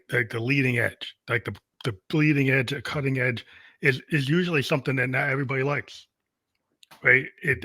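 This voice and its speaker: A man's voice: medium pitch, gravelly, pushed and bright, husky, dry recording. A man hosting a podcast interview, talking in a rambling way, repeating words and saying "like" often. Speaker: podcast host.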